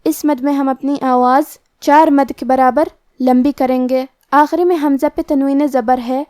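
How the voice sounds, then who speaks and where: A woman's voice: sits high, darkish tone, dry recording, clean studio sound. A woman teaching the rules of Quran recitation, explaining each rule step by step. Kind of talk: tajweed lesson.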